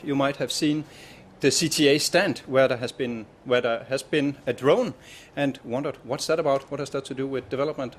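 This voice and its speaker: A man moderating a live-streamed panel at a conference stand, speaking in a welcoming way with frequent hesitations. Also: on the high side.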